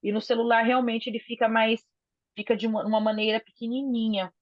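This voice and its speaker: A woman teacher talks a class through a lesson on a video call. Her voice sits fairly high and comes through a phone mic, so it sounds dull and lo-fi with no room echo. She explains step by step and keeps checking in with "né?". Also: fairly even intonation, a little fast. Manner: explanatory, often adds "né?". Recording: dull lo-fi phone audio, dry.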